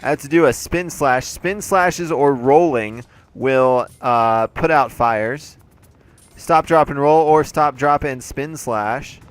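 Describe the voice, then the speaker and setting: Taking his time in a mid-range voice, a man chats playfully about the video game he's playing as a let's play host, tossing in jokes. He sounds somewhat congested, his throat a little off, and there is slight background noise.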